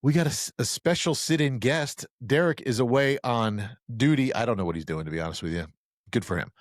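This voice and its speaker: A man hosting a podcast in casual interview chat, joking and telling quick stories. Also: mid-range voice, no echo, clean studio sound. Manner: chatty, joking, quick storyteller. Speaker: podcast host.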